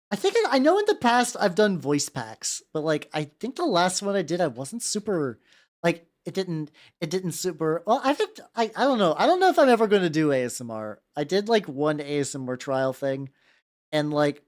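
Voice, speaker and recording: An animated livestreamer keeps up a constant stream of casual chat while painting miniatures. The voice sits at a middle pitch but swings up and down a lot, and the talk rambles along with plenty of swearing. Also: normal speed. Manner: rambling, talkative, foul-mouthed. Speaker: livestream host.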